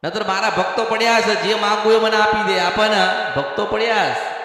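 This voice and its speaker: A man's voice: sits high, normal speed, sharp tone, faint music behind. Man, devotional preacher, emphatic and repetitive, asks and answers himself, very echoey hall. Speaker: spiritual leader of a goddess shrine. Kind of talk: devotional sermon, speaking in the goddess's voice. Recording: very echoey hall with long reverb.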